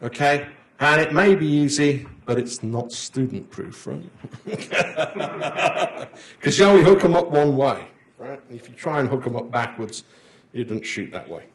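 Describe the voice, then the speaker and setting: A man's voice: mid-range voice, lively intonation, a little slow. An older man giving a conference lecture, rambling through anecdotes and chuckling at his own stories. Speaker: conference presenter. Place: conference hall. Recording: roomy echo of a conference hall.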